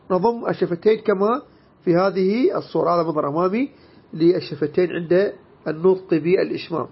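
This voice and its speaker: A man teaching Quran recitation rules, slowly drawing out each example word and then correcting it, with many pauses to hesitate. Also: high-pitched, husky, lo-fi sound. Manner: many hesitation sounds between points. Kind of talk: tajwid lesson with recited examples.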